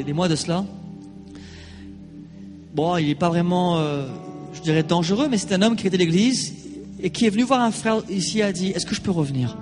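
A man's voice: sits high, big-room sound. A man preaching a sermon in a church, telling a personal story and acting out the voices of the people in it. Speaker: pastor.

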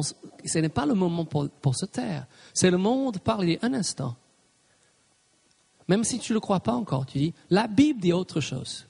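A man's voice: high-pitched, gravelly, a little mellow. A man preaching a sermon, emphatic, punctuating his points with "Amen" and slipping in English phrases. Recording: reverberant hall.

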